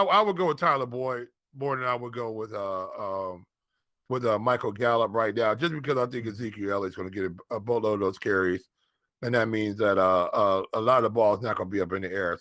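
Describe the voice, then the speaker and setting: Talking sports in a relaxed way, an American man who analyzes fantasy football keeps stopping and repeating words and phrases as he thinks aloud. His voice is lowish, pushed and bright, with no echo.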